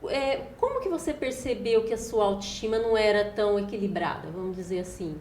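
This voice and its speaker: A woman's voice: medium pitch, lively intonation, brisk, darkish tone. A woman hosting a casual podcast interview, encouraging her guest with short affirming remarks and follow-up questions. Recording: echoey room, faint background noise.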